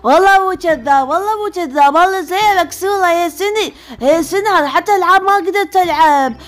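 A woman's voice: very high-pitched, fast talker, faint music behind. A woman with an Iraqi Arabic accent voicing a whining, fibbing young boy in a game. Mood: pleading. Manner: whining, pleading.

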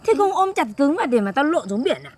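Husky, boastful woman. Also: high voice, sing-song, fast, darkish tone. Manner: boastful, defensive, argumentative. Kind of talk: comedic banter.

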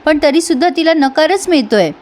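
A woman's voice: sits high, expressive, fairly quick, darkish tone. A woman reviewer recapping a serial episode in a chatty storytelling manner, addressing viewers directly.

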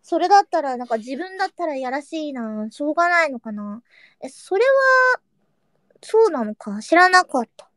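A young woman streaming, chatting casually with her viewers and reading their comments, playful and quick to joke, sometimes dropping into a whisper. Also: sits high, very animated, a bit bright, no echo, studio quality. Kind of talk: casual livestream chat.

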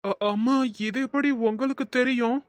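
A woman's voice: high-pitched, fairly even intonation, moderate pace, no room sound, close to an everyday voice. A woman voicing a hurt, resentful young husband in a storybook drama, talking plaintively to his mother. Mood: pleading. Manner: plaintive, sulking.

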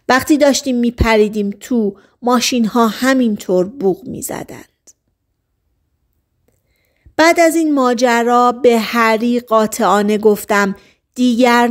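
A woman narrating a novel as an audiobook in calm, even storytelling. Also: on the high side.

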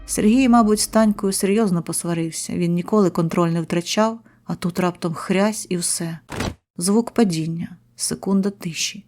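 A woman's voice: fairly low pitch, moderate pace, a little mellow, soft background music. Woman narrating a horror story tersely.

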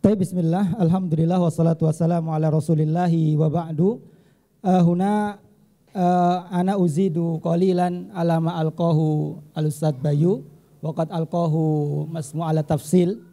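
A man with an Indonesian accent, a teacher giving deliberate, hesitant spoken feedback on student speeches. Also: a little high, dark tone. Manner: deliberate and measured, with frequent hesitations. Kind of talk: formal critique read from notes, mixing Arabic and Indonesian.

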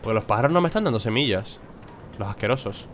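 A man's voice: on the low side, expressive, fast, slight background noise. A young man from Spain with a Spanish accent giving casual gameplay commentary, talking to himself and grumbling as he plays. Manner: talks to himself, grumbling and exclaiming. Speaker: gameplay streamer.

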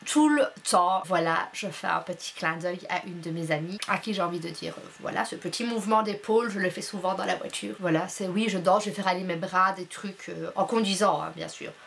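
A woman's voice: fairly low pitch, steady tone, fairly quick, creaky, few pauses, fairly bright tone, slight background noise. A young woman from Belgium, chatting bluntly and playfully as she answers a casual vlog questionnaire from her bedroom, full of fillers. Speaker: YouTuber.

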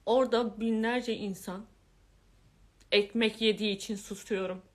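A woman crying from anger as she rants on a live stream, with loud, agitated outbursts and repeated oaths. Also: mid-range voice, fairly even intonation, moderate pace. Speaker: reality show contestant on a live stream. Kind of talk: emotional live-stream rant.

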